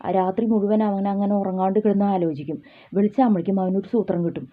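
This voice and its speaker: A woman's voice: mid-range voice, steady tone, quick pace. A woman, telling a children's folk tale in a homely, repetitive way. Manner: homely, repetitive, with many fillers and restarts. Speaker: storyteller. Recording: tinny phone-like sound.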